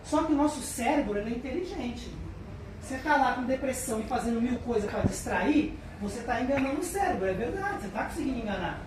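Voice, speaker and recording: A woman with a Brazilian accent giving a humorous motivational talk to an audience. She is chatty and animated and acts out voices. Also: a little high, fast talker. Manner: chatty, tags lines with "né". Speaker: lecturer. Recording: echoey, mic far off, background noise.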